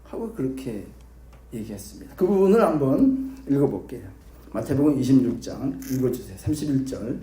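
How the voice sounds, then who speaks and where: A man's voice: medium pitch, sing-song, brisk, dark tone, reverberant. A male pastor preaching a sermon, questioning the congregation and repeating key phrases for emphasis. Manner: emphatic repetition.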